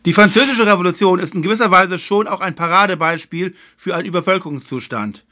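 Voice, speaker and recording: Bright-voiced man giving a history lecture. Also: high-pitched. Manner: measured, explanatory, stresses key points; filler phrase "eben halt". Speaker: lecturer and host of a video series.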